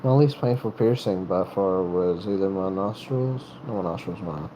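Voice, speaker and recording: This deep-voiced livestream host comes through with lo-fi sound and a noisy background. A Southern-accented North Carolinian, he chats casually, rambles, hesitates and keeps restarting what he's saying.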